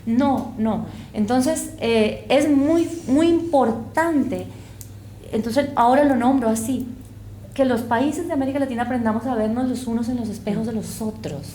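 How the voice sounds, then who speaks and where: A woman from El Salvador and Colombia speaks as an interview guest, earnest and impassioned, reflecting aloud. Her voice is mellow and darkish, and the room around her is echoey, with a faint hiss behind. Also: a little high, measured pace. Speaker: guest, university lecturer and researcher. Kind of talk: conversational interview.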